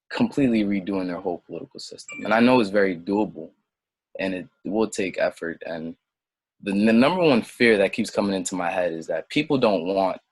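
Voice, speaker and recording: Here a Senegal-raised young man, French his mother tongue, chats in a relaxed interview with a low voice and no echo at all. As the guest he meanders and doubts what he says, then slips into fervent side-tracks.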